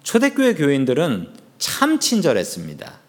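A man's voice: a little high, wildly swooping pitch, moderate pace. A man preaching a sermon as pastor, fervent and raising his voice for emphasis.

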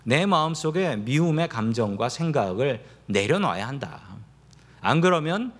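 A man preaching a sermon as pastor, asking his congregation questions and acting out quoted lines in a lower voice. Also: sing-song, measured pace, a bit bright.

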